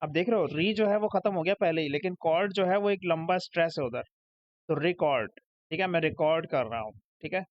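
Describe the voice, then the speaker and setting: This English tutor is a young Pakistani man whose high voice races along with hardly any pauses as he delivers a recorded lecture over slides. Explaining things one step at a time, he asks "ठीक है?" after each point, and the audio is dry, slightly muffled and lo-fi.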